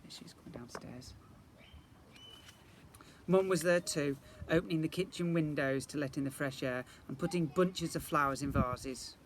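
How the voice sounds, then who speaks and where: A man narrates a children's storybook expressively, like an infant school teacher addressing young listeners. His voice is on the high side and measured in pace, with faint background noise.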